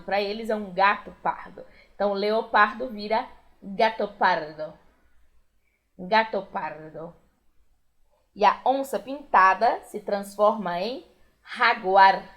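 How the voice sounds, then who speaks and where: A woman with a Brazilian Portuguese accent teaching a recorded Spanish lesson, patiently repeating each word clearly. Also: medium pitch, fairly bright tone.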